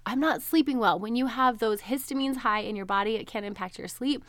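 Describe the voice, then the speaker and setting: Fairly quick and a little high, her voice has a fairly bright tone despite being nasal and congested from allergies. She's a bubbly, chatty dietitian in her thirties who laughs a lot while chatting on her solo podcast, with no room sound in the recording.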